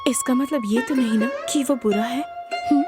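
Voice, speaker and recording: A woman dubbing a meek, devoted young wife who pleads softly and submissively. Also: high voice, normal speed, music in the background, lightly acted. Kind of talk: Hindi film dub acting. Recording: dubbed film with loud score.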